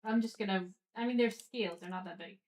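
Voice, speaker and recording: A woman playing in a tabletop game who speaks haltingly and earnestly, filling her pauses with "um". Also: medium pitch, darkish tone, low-quality recording. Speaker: player.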